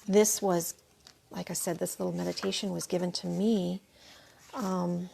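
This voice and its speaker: Gushing spiritual host reading live comments. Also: female voice, fairly low pitch, level tone, a little slow, vocal fry, warm tone, a little hiss or hum. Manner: gushing, repeats thanks over and over; reads viewer comments aloud and answers them. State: clearing her throat now and then. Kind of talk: live chat after a meditation.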